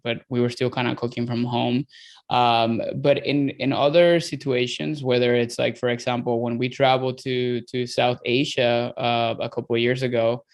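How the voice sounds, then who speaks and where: A Venezuelan man in his thirties, with a Venezuelan accent and a medium-pitched voice, appears as a dietitian guest in an interview. He talks casually and rambles, with many fillers and restarts.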